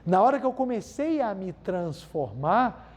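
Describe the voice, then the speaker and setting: A man's voice: high-pitched, very animated, measured pace, breathy edge. A man with a Brazilian accent giving a spiritual talk full of everyday stories, often calling out to his audience and repeating key lines for emphasis. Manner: keeps addressing the audience as "gente", repeats key phrases for emphasis. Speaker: spiritual lecturer.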